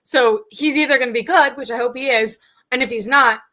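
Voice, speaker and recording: Bright-voiced chatty woman sports host. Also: sits high, a little fast. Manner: chatty, many fillers, reads stats aloud. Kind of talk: casual live-stream sports talk.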